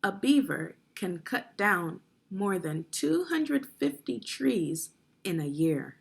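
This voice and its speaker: This woman speaks slowly at a medium pitch, her gravelly, slightly rough voice swinging widely in pitch. Taking the role of reading teacher and read-along narrator, she reads children's nonfiction and asks young listeners guiding questions to teach them.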